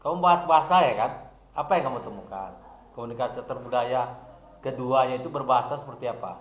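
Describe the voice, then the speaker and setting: A man's voice: medium pitch, fast talker, echoey room, a little hiss or hum. A man acting as an academic supervisor, questioning a student about her research in long, rambling, searching questions with many restarts. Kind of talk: probing academic discussion.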